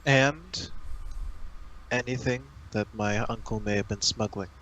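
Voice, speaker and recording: A man's voice: medium pitch, measured pace, a bit bright, poor audio. A man playing a tabletop role-playing game, speaking in character as he bargains and questions.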